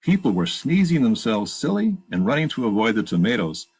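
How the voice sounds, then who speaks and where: A man reads a children's picture book aloud as a storytime reader and narrator, expressive and sing-song. His medium-pitched voice is brisk, a little dark and slightly breathy, and he adds plain comments about the pictures.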